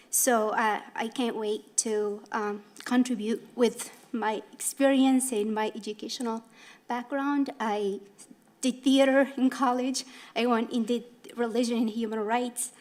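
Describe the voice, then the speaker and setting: Young woman from Morocco, fairly high voice, halting and full of fillers, speaking to a city committee. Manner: hesitant, many fillers and restarts. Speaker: appointee to cultural council. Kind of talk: brief public statement at a council meeting.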